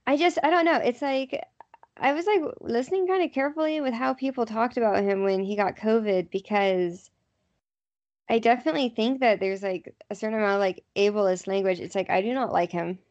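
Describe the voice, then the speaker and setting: A woman's voice: fairly high pitch, a little fast, darkish tone, lo-fi sound. A woman co-hosting a podcast in casual chat, rambling with lots of "like" fillers. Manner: chatty, filler-heavy with lots of "like". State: hiccuping.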